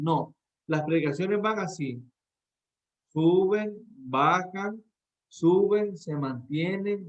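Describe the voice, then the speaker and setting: A man teaching a class on how to preach, talking directly to his listeners and often restarting his phrases. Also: high-pitched. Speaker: preaching instructor. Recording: dull lo-fi sound.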